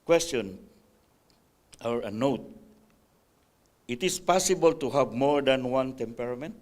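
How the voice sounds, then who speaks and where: A man's voice: mid-range voice, a little slow, a little mellow. A man speaking at a church class, reading from a text and breaking off with casual comments and "right?" checks to the group. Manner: reads a text aloud, adding spontaneous comments and checks like "right?"; occasional hesitations and restarts. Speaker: Sabbath school speaker.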